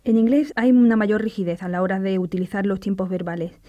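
A woman explaining English verb tenses in Spanish, giving clear examples. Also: medium pitch, steady tone, fast talker, warm tone, no echo, lo-fi sound. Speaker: English teacher. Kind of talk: explaining grammar in a studio lesson.

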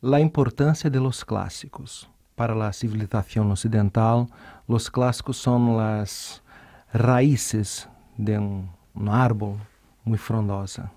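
A university art history professor from Rio de Janeiro, Brazil, speaks as an interview guest in a warm, fairly low voice at a slow pace. Portuguese is his first language and he has a carioca accent. He comes across as thoughtful and hesitant, using fillers.

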